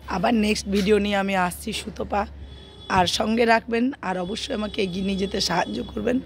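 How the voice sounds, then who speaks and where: Hoarse middle-aged woman vlogging on a phone from her rooftop, croaky gravelly voice, slow rambly chat full of ums. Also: mid-range voice, background noise. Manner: soft, slow and chatty with many fillers. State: hoarse from a cold. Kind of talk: casual chat to viewers. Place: rooftop outdoors in the morning.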